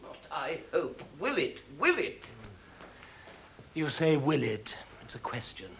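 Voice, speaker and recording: A man's voice: medium pitch, measured pace, creaky, a little hiss or hum. An actor playing an impatient, theatrical stage director who bosses his cast through a rehearsal in a 1970s televised stage drama. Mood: bossy, excitable. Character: fussy, excitable stage director running a rehearsal.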